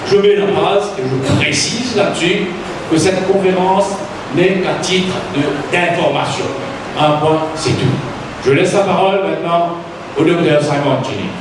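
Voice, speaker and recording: A man hosting a public talk, introducing a speaker in deliberate, emphatic short phrases. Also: on the high side. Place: large room with an audience. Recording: distant, very echoey hall, noisy.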